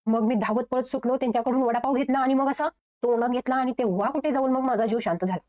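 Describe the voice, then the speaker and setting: A playful young husband jokes and teases in a light, quick voice, read by a woman. His voice stays fairly high and the pace is rapid. The recording sounds a little dull and lo-fi. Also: a little mellow, lightly acted. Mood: teasing.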